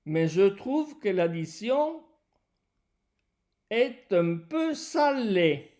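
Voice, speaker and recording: A woman's voice: medium pitch, very animated, very slow, dark tone. Woman reading a male restaurant diner. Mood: calm. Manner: reads lines plainly.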